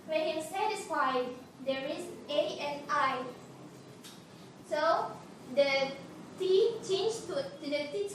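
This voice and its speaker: Teen girl, student presenter, stop-start delivery, high voice, boomy room. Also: fairly bright tone. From Indonesia. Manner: halting, many fillers and restarts. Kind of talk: classroom presentation. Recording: echoey room, noisy, far from mic.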